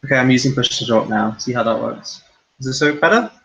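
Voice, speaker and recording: A man's voice: medium pitch, fast, gravelly, fairly bright tone, highs cut off. A man speaking casually as a tabletop game player over online voice chat, with his audio cutting out.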